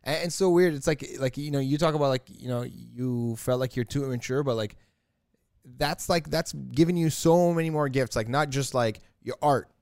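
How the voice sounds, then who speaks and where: A man's voice: mid-range voice, moderate pace, gravelly, darkish tone, dry recording. Rambling man in his thirties, dry close sound. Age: 30s. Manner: rambling, heavy filler words. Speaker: podcast co-host. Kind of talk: casual chat.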